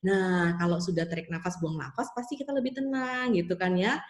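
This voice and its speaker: A woman's voice: lowish voice, brisk, echoey room. A woman child psychologist answering a question in an online seminar. She explains step by step, uses many tag fillers and acts out soothing lines a parent might say. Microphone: video call.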